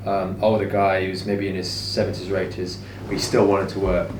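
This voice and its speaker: A man's voice: sits low, completely flat delivery, fairly quick, darkish tone. A man co-hosting a casual conversation, explaining his views in a conversational way. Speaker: co-host, business owner. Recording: echoey room, distant mic, background noise.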